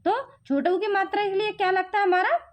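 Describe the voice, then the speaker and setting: A woman's voice: very high voice, fairly quick, muffled recording. A young woman teaching a child to spell simple words, patiently stretching out syllables and asking coaxing questions. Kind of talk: home spelling lesson for children.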